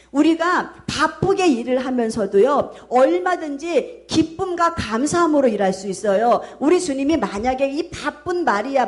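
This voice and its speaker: A middle-aged woman pastor preaching a sermon, telling a story and asking questions she then answers herself. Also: high voice.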